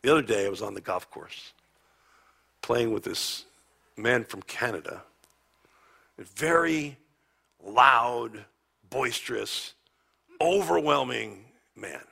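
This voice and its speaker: Pastor guy preaching casual, gravelly voice, pitch jumps all over, goes to a whisper sometimes. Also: takes it slowly, pauses often. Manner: animated, often dropping to a hushed near-whisper. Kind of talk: conversational sermon with storytelling.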